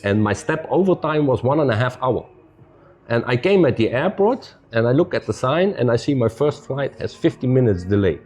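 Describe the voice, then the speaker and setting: A man speaking as a podcast guest whose pitch rises and falls in lively swings as he tells a story. His English is loose and non-native, peppered with "you know," and his manner stays easygoing and upbeat. He is a middle-pitched, casual storyteller. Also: a little fast, soft background music.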